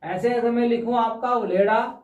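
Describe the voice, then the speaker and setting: A man teaching a language lesson who explains patiently, slows down to repeat words and keeps checking in with his students. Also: very high voice, steady tone, recorded from a distance. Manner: patient, repeats words slowly, checks in with 'ठीक है' often. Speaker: Hindi teacher. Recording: roomy, dull sound from off-mic.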